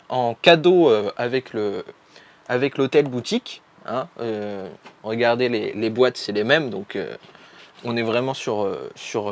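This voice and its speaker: A young man casually talking through a product review, chatty and friendly, often pausing to search for words and restarting phrases. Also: medium pitch. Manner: chatty, friendly, hesitant with frequent pauses and restarts. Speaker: vlogger reviewing a LEGO set.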